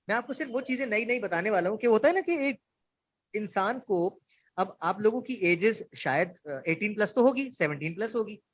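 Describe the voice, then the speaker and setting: Over dull, lo-fi online-class audio, a man teaches an orientation session, illustrating concepts with examples and quizzing his students. He's the instructor, and his voice is high with a fairly bright tone.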